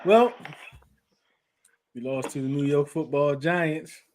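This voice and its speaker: A man's voice: fairly high pitch, animated, slow pace, darkish tone. A male podcast host on a video call, chatting casually and teasing his co-hosts. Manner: playful, teasing banter. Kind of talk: casual sports chat.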